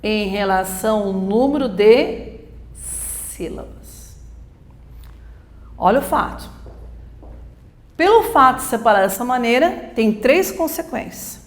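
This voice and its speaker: A woman's voice: fairly high pitch, animated, takes it slowly, long pauses, roomy sound. A woman teacher, teaching a grammar lesson for exam prep, explaining step by step and asking and answering her own questions.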